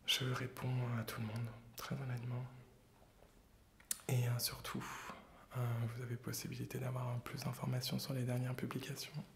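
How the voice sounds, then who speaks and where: Creaky whispering ASMR man, right in your ear. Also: mid-range voice, monotone, moderate pace, slight background noise. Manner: close in the ear, binaural left and right; gentle, soft-spoken. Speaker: ASMR video host. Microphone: close binaural stereo microphones.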